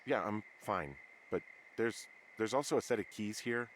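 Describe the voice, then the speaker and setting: Guy doing a tired deadpan lookout in the woods, lowish voice, forest noise behind. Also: moderate pace, natural voice. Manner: dry, deadpan. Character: weary, dry-humored man alone in the woods. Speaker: fire lookout. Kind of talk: video game voice acting. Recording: game audio with forest ambience noise.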